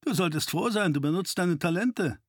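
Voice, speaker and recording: A man's voice: sits high, animated, normal speed, husky, no echo, clean studio sound, voice pushed up. A male narrator voicing a cheeky, wisecracking young man who talks in breezy banter. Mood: joking.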